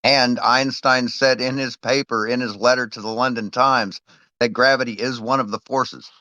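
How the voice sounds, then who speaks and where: Bright-voiced accusatory man. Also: medium pitch, fairly even intonation, normal speed, no room sound, poor audio. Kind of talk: heated online debate.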